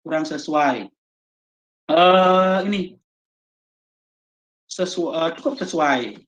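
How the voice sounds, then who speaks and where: Indonesian woman trainer, lower voice, unhurried and hesitant delivery, dull lo-fi audio. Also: a little hiss or hum. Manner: slow, halting explanation with many fillers. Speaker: teacher trainer. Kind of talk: online training lesson.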